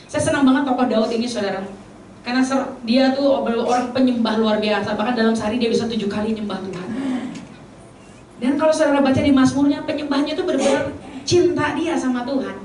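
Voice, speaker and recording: A woman preacher giving a lively sermon to a congregation, slipping into English phrases and short bursts of song. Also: fairly high pitch, brisk, a little hiss or hum. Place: church hall. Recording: very echoey hall from a distance.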